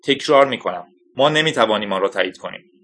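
A grave male general speaks in measured, commanding sentences, voiced by a male audiobook reader. His tone is bright and forceful. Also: on the low side, lively intonation. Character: male air force general calmly warning of attack.

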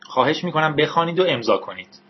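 Stern federal agent, cold and contemptuous, voiced by a husky male narrator; dull lo-fi audio. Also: a little high, lively intonation, voice pushed up.

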